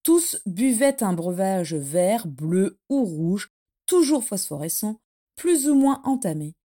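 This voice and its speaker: A woman narrating a fantasy story in a steady, measured audiobook reading. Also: medium pitch. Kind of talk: audiobook narration of fan fiction.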